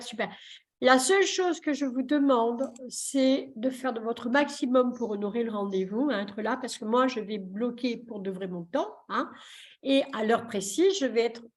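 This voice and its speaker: Chatty French therapist woman, slightly high voice. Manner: chatty, warm-hearted and joking, many fillers. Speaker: therapist hosting a live session. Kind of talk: casual live chat. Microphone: computer mic on a video call.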